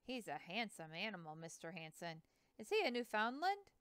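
Reading aloud, a woman voices an eager young explorer, polite and earnest, whose words tumble out in a rush. Her smooth, clear voice rises and falls in lively pitch at a moderate pace, close and dry like a storybook reading.

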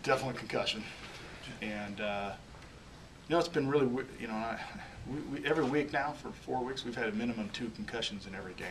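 A man in his forties, a head football coach, fields questions at a postgame press conference, speaking at medium pitch and a quick pace while often restarting and repeating words as he hunts for phrases. He sits in a small press room before a logo backdrop, using a table microphone on a stand. The mic is distant, so room noise comes through.

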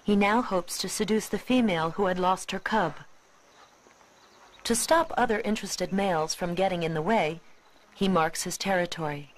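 A woman reading scripted nature documentary narration in a measured, expository way. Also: lowish voice, poor audio.

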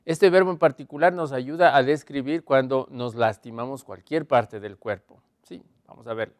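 A man teaching a televised English lesson, explaining patiently, checking in with his viewers and slowly drawing out model phrases. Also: medium pitch, no room sound.

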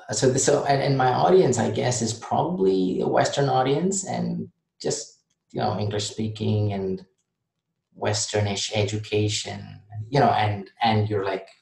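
A man vlogging casually late at night, rambling and halting with many restarts. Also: fairly low pitch, creaky, darkish tone, roomy sound, rough recording.

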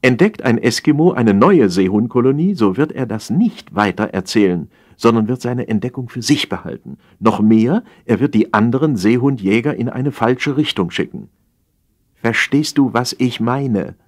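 In a satirical story, a man plays an opinionated café regular slyly lecturing his friend, explaining things pompously and with emphasis. His medium-pitched voice is expressive and close to an everyday voice, at normal speed.

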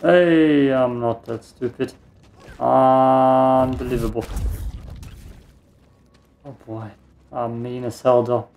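A man gives casual game commentary as he plays. His delivery is slow and creaky, and he mutters to himself, often repeating a phrase. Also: medium pitch, darkish tone, a little hiss or hum. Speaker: video game streamer.

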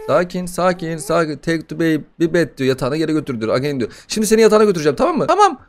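A young man doing casual gaming commentary, excitable and profane, bantering with the game as he plays a horror title. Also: fairly high pitch, very fast. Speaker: gaming YouTuber.

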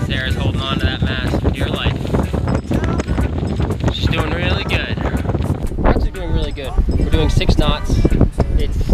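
A man's voice: mid-range voice, little pitch movement, moderate pace, pauses often, heavy background noise. A man in his thirties casually narrating on a sailboat deck, easygoing and self-deprecating, full of fillers, filmed on an action camera at arm's length. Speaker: sailing vlogger. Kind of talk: casual narration while sailing. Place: open sailboat deck at sea, windy.

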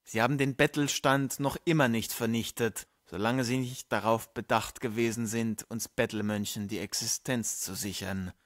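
A man's voice: mid-range voice, fairly even intonation, moderate pace, hardly any pauses, no room sound, lightly acted. Man reading older friar, pompous, indignant, preachy; dry close audiobook sound. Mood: needling. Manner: indignant, preachy, quoting scripture. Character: irate, pompous male friar, older theologian.

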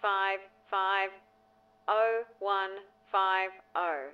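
A woman voicing an automated voicemail announcer in a horror game, with flat, formulaic delivery. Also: mid-range voice, drawn-out words. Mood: impersonal. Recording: muffled, distant, noisy phone playback.

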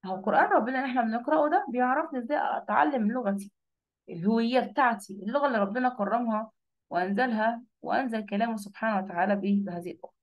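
A woman with an Egyptian Arabic accent leads an online religion lesson over a call. Her voice sits a little high, and her delivery is lively. She slows down to stretch out sounds when she models their pronunciation. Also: highs cut off. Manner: lively, drawn-out pronunciation demonstrations. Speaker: religion teacher.

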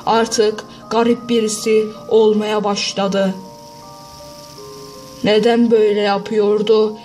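A man's voice: high voice, poor audio. A man telling a first-person horror story in a plain, repetitive way, stringing events together one after another. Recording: music bed under voice. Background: background music.

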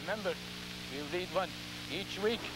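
A man playing a ghoulish, theatrical horror host, halting and repeating his words in a campy, scheming, cackling manner on an old television show. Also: high-pitched, over loud music, close to an everyday voice. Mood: macabre, gleeful. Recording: noisy, humming vintage television recording.

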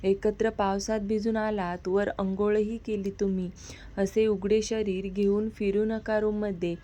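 A flustered young wife in an audio storybook romance, asking softly and pleading with her husband, as a woman narrator reads her lines. Her voice stays gentle and close to an everyday speaking voice. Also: mid-range voice, flat delivery, unhurried, lightly acted.

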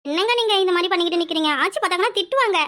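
A woman voicing a young, pregnant village wife in a cartoon who is tender and teasing, speaking with a southern Tamil accent in a high, sing-song way. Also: rapid-fire, pushed and bright. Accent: southern Tamil (Tirunelveli). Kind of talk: cartoon voice acting.

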